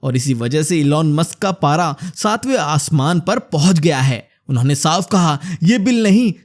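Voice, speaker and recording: High-voiced man narrating news explainer. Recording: faint background music.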